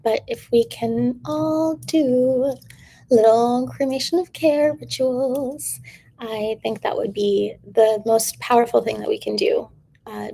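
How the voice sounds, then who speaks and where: A woman's voice: a little high, creaky, a little mellow, slight background noise. A woman hosting a casual livestream, rambling with lots of fillers and drifting into whispers, her throat strained from talking. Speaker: livestream host.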